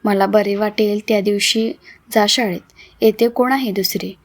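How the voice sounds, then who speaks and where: Woman doing a frail, gentle mother, soft and weary, storybook reading, mid pitch. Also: fairly even intonation, unhurried. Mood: tender.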